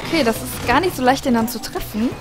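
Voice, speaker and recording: Woman, high voice, casual gaming commentary, chatty, thinking aloud, game music behind her. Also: quick pace. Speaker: let's play host. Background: video game music and effects.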